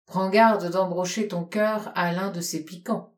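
A woman reading a storybook, voicing a worldly man who makes dry, sardonic remarks in a lower, quieter voice. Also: steady tone, measured pace, natural voice.

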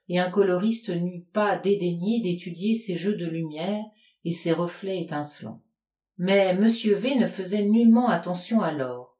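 A woman narrating a classic novel aloud in a measured storytelling manner. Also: medium pitch, mellow. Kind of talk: audiobook narration. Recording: roomy echo.

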